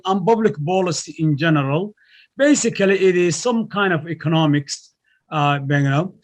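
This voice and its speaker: High-voiced professor. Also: male voice. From Somalia. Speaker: guest economics professor. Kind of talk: formal interview answers.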